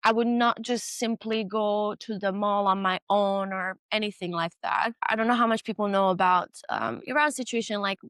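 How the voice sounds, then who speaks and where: A young woman in her 20s from Iran is a guest in a relaxed, reflective casual conversation, candid and thoughtful, with lots of ums and restarts. Her mid-range, smooth voice moves at a moderate pace with few pauses. The sound is close and dry, with no room echo.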